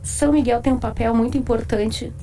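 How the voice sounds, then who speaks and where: A woman's voice: fairly high pitch, steady tone, a little fast, dark tone, faint music behind. A woman from Porto Alegre with a southern Brazilian accent, a guest author explaining her faith in a radio studio interview, often adding tag questions. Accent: Brazilian Portuguese, Porto Alegre.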